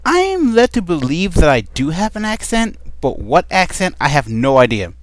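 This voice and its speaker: A man with a fairly high voice and huge swings in pitch chats casually at home at a moderate pace, with no room sound. He's a vlogger answering a question tag into a desk microphone, working through the list with many ums in a playful, rambling way.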